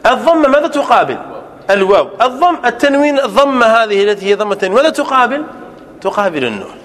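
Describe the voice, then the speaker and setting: A man teaching Arabic grammar in a classroom, asking rhetorical questions and repeating examples slowly as he dictates them. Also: very high-pitched, big pitch swings, fairly bright tone. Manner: dictates examples at a slow, deliberate pace.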